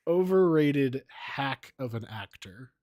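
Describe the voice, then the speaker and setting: A man's voice: mid-range voice, lively intonation, takes it slowly, darkish tone. A man co-hosting a casual film podcast, opinionated, often hedging with "like". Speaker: podcast co-host. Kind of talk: casual chat.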